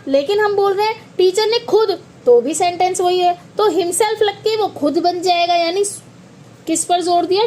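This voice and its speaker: High-pitched woman teaching slowly. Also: darkish tone, a little hiss or hum. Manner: patient, repeats points, checks understanding. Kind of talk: grammar lesson in Hindi and English.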